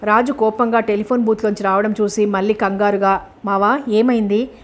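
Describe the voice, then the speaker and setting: A woman narrating a suspense novel as an audiobook in a steady, dramatic storytelling manner. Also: medium pitch, fairly quick.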